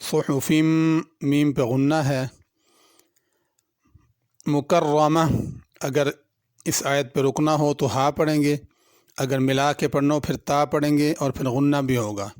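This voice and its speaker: A man's voice: fairly high pitch, steady tone, darkish tone, no echo, studio quality. A man with a Pakistani Urdu accent teaching Quran tajweed, patiently and methodically explaining each pronunciation rule. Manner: patient, methodical, repeats each word slowly before explaining the rules. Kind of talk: tajweed lesson, alternating slow drawn-out recitation with spoken explanation.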